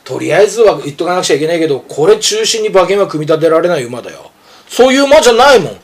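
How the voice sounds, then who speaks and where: This man in his fifties talks racing tips in a loose, joking, coarse-mouthed way. His voice sits high for a man and swings all over, and he rattles along quickly. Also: very animated. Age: 50s. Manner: rambling, joking, coarse banter. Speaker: horse racing pundit. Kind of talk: casual podcast chat.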